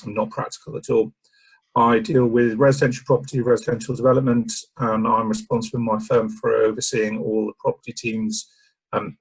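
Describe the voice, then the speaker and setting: A man who works as a solicitor speaks a bit hoarsely, with dry, self-deprecating humour. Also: lowish voice, poor audio. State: a bit hoarse, frog in throat. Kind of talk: casual joking talk.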